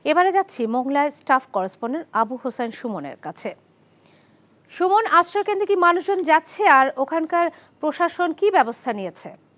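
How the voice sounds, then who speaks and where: A woman's voice: high voice, sing-song, normal speed, fairly bright tone. A woman with a Bangladeshi accent anchoring live news and putting questions to reporters.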